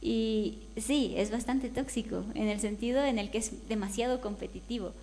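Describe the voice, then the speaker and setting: In an event hall, a woman speaks candidly and conversationally during a panel discussion, now and then slipping into quoted voices. Her voice is a little high and warm, at normal speed, with a little hiss or hum.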